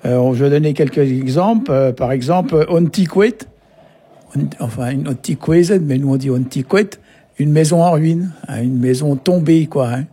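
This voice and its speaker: A man's voice: fairly high pitch, normal speed, mellow, breathy edge. A man from Brittany, a language teacher, patiently explaining words on a radio lesson. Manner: patient, explanatory, peppers talk with short tags.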